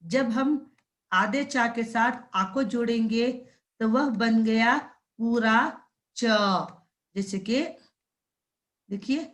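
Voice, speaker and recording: A woman teaching a primary school class, sounding out words syllable by syllable and repeatedly checking with the children. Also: a little high. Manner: drawn-out syllable-by-syllable pronunciation drills. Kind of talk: slow classroom lesson addressing children.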